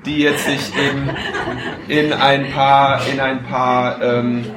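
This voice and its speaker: A man's voice: medium pitch, little pitch movement, takes it slowly. Hesitant male speaker in an echoey hall. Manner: hesitant, many fillers, frank. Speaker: speaker answering audience questions. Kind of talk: conference Q&A answers. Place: lecture hall. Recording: echoey hall, faint noise.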